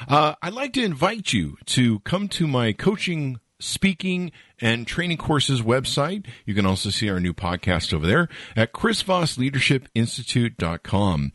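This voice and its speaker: A podcast host with a medium-pitched, fairly bright voice talks casually in a clean studio recording with no room sound. Chatty and rambling, he drifts into asides and fills his speech with "you know" during an interview chat that includes an ad read.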